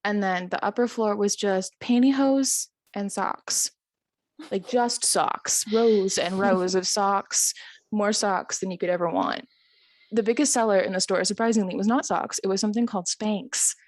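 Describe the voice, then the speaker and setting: A woman's voice: medium pitch, steady tone, normal speed, no echo. A woman telling a long comic story in a stand-up set, chatty and self-amused, with frequent ums and little chuckles. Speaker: stand-up comedian.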